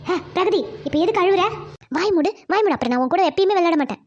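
Cheeky, fast-talking cartoon girl, voiced by a woman. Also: very high voice, lively intonation, dull audio, heavy background noise. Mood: bossy. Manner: teasing and bossy. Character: teasing young woman, cheeky friend and sister. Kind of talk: cartoon voice acting.

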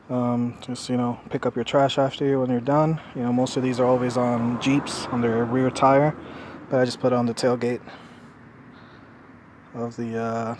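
The clip shows a middle-aged man outdoors on a residential lawn, casually showing off his homemade camping trailer in a loose, filler-heavy ramble. His mid-range voice is captured by a handheld phone camera with slight background noise.

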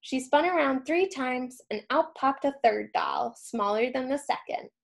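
A childcare staff member, a woman, reading a storybook aloud in an expressive storytelling manner. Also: high voice, a little slow, creaky.

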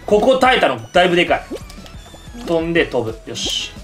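A man hosting excited game commentary, yelling at his teammates and the game. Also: fairly high pitch, a little fast, faint music behind. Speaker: gaming channel host.

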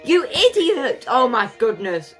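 A woman's voice: fairly high pitch, sing-song, slow, a bit bright, faint music behind. A young woman gives casual reaction commentary from a small room, exclaiming and talking back to what she watches. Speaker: reaction video host. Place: small indoor room at a desk.

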